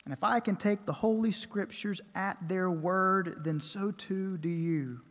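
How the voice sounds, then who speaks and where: A man preaching a sermon at a pulpit microphone, measured and emphatic, building his points with repeated phrases. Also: high-pitched, fairly bright tone. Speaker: pastor. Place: church sanctuary. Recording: long church reverb.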